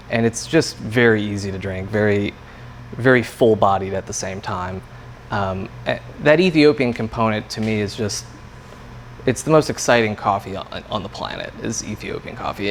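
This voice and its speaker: A man working as a coffee roaster, explaining things in a casual interview chat with loose, hesitant phrasing. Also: lowish voice. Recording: clear background room noise.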